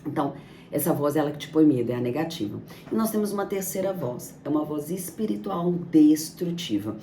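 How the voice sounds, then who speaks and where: Low-voiced woman coaching emphatically. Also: lively intonation, a little fast, dark tone, distant mic, slight background noise. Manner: emphatic, piles up lists and rhetorical questions. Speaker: motivational coach. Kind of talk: motivational self-help talk. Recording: echoey room, off-mic, faint ambience.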